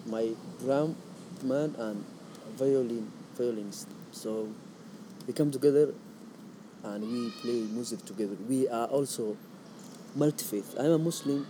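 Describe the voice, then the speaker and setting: A man from Somalia, a musician being interviewed, speaking softly with frequent pauses and restarts. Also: mid-range voice, noisy background. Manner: soft-spoken, halting, with frequent ums and repeats. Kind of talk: casual conversation.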